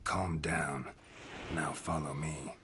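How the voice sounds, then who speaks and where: An actor playing a terse, grizzled monster hunter in a video game, speaking curtly and deadpan. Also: male voice, extremely low pitch, slow pace, background noise. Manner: curt, deadpan, clipped. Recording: game audio over outdoor ambience.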